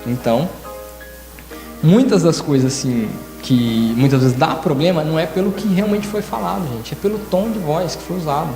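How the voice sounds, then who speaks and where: A man's voice: on the high side, moderate pace, gravelly, over music. A man preaching a sermon as a church elder, acting out different tones of voice in his examples. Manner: demonstrative, acts out tones of voice in quoted examples. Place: church hall. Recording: echoey hall with reverb.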